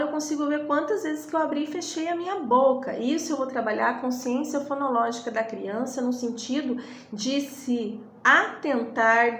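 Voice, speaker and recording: A woman's voice: sits high, a bit bright, reverberant. A Brazilian woman lecturing teachers, reflective and full of rhetorical questions. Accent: Brazilian Portuguese.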